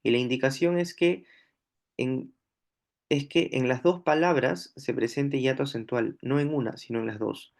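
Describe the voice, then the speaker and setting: A man with a Peruvian Spanish accent teaching a grammar lesson, slow and deliberate, repeating each example word aloud. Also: medium pitch, creaky, darkish tone. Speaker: language teacher.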